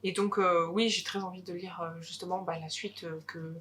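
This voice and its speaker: A woman's voice: fairly low pitch, fairly even intonation, moderate pace, a bit bright, a little hiss or hum. A woman co-hosting a book video, chatting casually about new releases with many hesitations.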